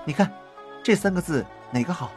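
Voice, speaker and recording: A man's voice: a little high, lively intonation, brisk, faint music behind, pitched above the performer's own voice, lightly acted. A spoiled, boyish young master, played by a man in a children's story reading. His voice is raised and swings widely, with a petulant streak. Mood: easygoing.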